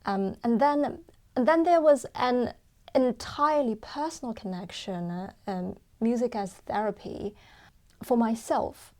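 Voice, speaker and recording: Woman from China, young adult, interview guest, thoughtful, hesitant fillers, warm mellow tone. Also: fairly high pitch, a little slow. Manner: thoughtful, with frequent ums and uhs. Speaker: interview guest, guzheng performer. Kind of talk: reflective interview answers.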